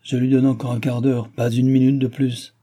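A man's voice: medium pitch, level tone, moderate pace, dark tone, natural voice. A man voicing a bored aging king who banters idly, in an audiobook reading. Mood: impatient. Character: aging bored male king, idle and teasing.

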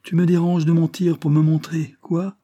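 A man's voice: mid-range voice, normal speed, slightly rough. A man reading aloud and voicing a phlegmatic Irish man who answers his friend coolly and lectures him. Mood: coolly firm. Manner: calm, dry and lecturing.

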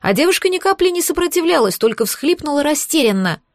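Bright-voiced woman narrating an audiobook. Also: sits high, big pitch swings, fast talker, dry recording, studio quality.

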